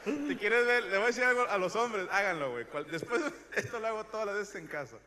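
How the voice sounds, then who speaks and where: Loud Mexican man doing stand-up. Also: sits high, lively intonation, a little fast. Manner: crude slangy storytelling with loud shouted bits. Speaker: stand-up comedian. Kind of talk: stand-up comedy monologue. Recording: live show with loud audience noise.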